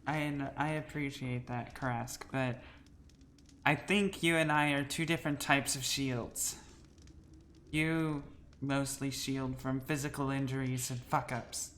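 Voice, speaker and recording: A man's voice: medium pitch, little pitch movement, measured pace, a bit bright, a little hiss or hum. A man playing a tabletop role-playing game, narrating his character's actions and speaking her lines. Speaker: player.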